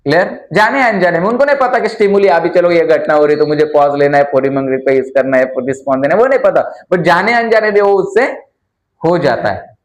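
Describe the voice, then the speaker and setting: A man's voice: on the high side, a little fast, echoey room. A man teaching a class in a chatty lecture style, quizzing his students and letting them finish his sentences. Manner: chatty, calls listeners "yaar".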